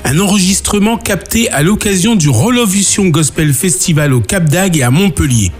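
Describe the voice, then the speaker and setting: A man hosting a radio interview, asking friendly questions with some halting restarts. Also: high-pitched, lively intonation, music in the background. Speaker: radio host.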